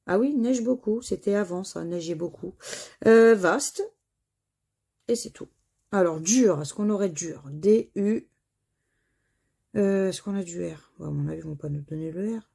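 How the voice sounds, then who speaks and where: A woman's voice: fairly low pitch, unhurried, gravelly, pauses often, warm tone, husky. A woman with a French accent chatting to viewers while she scratches crossword lottery tickets and reads out letters and words.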